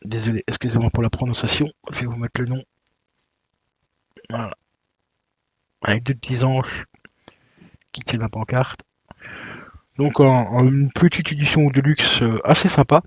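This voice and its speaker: A man's voice: mid-range voice, steady tone, normal speed, long pauses, breathy edge, no echo. Chatty man unboxing games, dry dull sound. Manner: loose and chatty, many fillers and self-corrections. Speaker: YouTuber unboxing video games. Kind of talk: casual unboxing chat.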